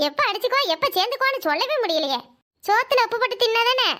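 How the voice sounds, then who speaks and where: Woman doing a very high, bright, fast cartoon sister-in-law, scheming and quarrelsome, Kanyakumari Tamil accent. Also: expressive, heavily acted. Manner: shrill, quarrelsome, fake-tearful. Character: scheming sharp-tongued young sister-in-law, Thangamayil.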